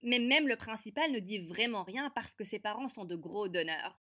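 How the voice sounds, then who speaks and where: A woman's voice: mid-range voice, expressive, normal speed, a bit bright, lightly acted. A woman voicing a feisty teenage girl narrator. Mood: sardonic. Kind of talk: animated story narration.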